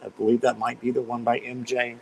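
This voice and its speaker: Hoarse and slightly sick with a cold, a man chats casually while hosting a live tarot stream, greeting viewers by name. His medium-pitched voice is monotone and a little fast, and the poor audio carries slight background noise.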